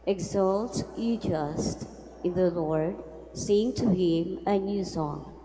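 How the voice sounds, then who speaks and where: A woman cantor leading the congregation in slow sung responses, heard in a cathedral echo. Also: fairly low pitch, noisy background. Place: large church. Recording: long church reverb.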